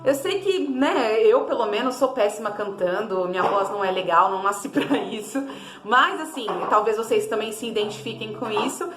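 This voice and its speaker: Speaking at a normal speed to camera, a woman with a Brazilian Portuguese accent shares relaxed, chatty parenting tips, repeating herself and sometimes demonstrating toddler-talk in a high, sing-song voice. This parenting vlogger is recorded in an echoey room with background noise.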